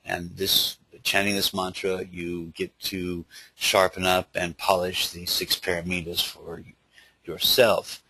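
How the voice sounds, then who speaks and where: A man with a lisp giving an informal spoken teaching in a halting, loosely worded way, as a Buddhist teacher. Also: sits low, little pitch movement, sharp tone, slightly rough, no echo, poor audio. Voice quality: lisp from dental problems.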